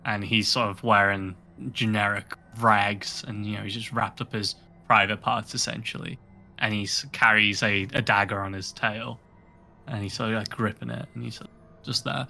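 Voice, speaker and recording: A man narrating a tabletop game as game master, playfully slipping into excited character voices. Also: lowish voice, moderate pace, vocal fry.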